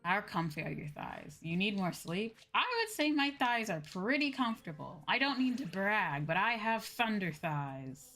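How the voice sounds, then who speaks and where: Game music plays as this woman VTuber rambles in slangy, casual talk to her viewers during a game. She sounds very animated at a moderate pace, with few pauses and a mid-range, somewhat bright voice.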